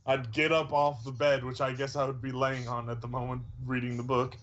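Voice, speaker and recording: A man's voice: medium pitch, little pitch movement, a little fast, fairly bright tone. Joking man at a tabletop game. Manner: joking, laughs often. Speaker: player. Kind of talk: casual tabletop game chat. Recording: dull lo-fi recording.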